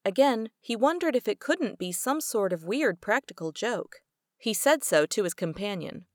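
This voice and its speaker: A woman narrating a crime story as an audiobook reader, in a steady storytelling manner. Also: medium pitch, normal speed, no room sound, clean studio sound.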